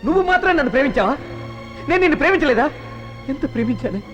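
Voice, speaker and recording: A man's voice: very high-pitched, lively intonation, fast, a bit bright, muffled recording. An actor dubbing a dramatic, lovestruck young man in a film, with emotional, pleading delivery. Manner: emotional and pleading, swinging to bravado. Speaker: film hero. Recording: film soundtrack with music score.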